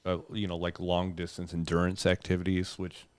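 A man's voice: deep voice, completely flat delivery, brisk, darkish tone, smooth, no room sound. A middle-aged man, a doctor and co-host, explaining health topics casually in a podcast chat, thinking aloud with fillers.

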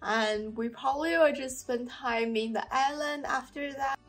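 A young woman narrating a casual travel vlog into a phone held at arm's length, cheerfully describing the places she visits. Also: high-pitched. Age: young adult. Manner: slow, cheerful commentary to the camera. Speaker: vlogger. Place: in a car and outdoors on a trip. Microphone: phone camera at arm's length. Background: background music.

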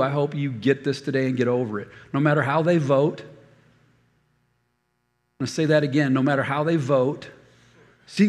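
A man's voice: fairly high pitch, in a large hall. A man preaching a sermon as pastor, telling stories and acting out the voices of people he quotes. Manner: storytelling, acts out quoted voices. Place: church hall.

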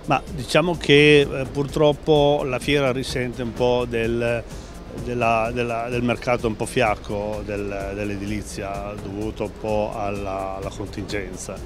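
A middle-aged man with a mid-range voice speaks a little slowly in a level tone, full of fillers and restarts. He is a company president being interviewed at his stand in a busy exhibition hall during a trade fair, recorded on the interviewer's handheld mic with background music beneath his voice.

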